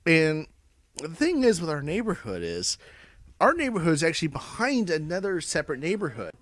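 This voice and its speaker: Animated drunk man telling a rambling story. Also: on the high side, brisk, no echo, clean studio sound. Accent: American. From Indiana, United States. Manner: drunk, rambling, profane, repeats himself. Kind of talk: casual drunk storytelling among friends.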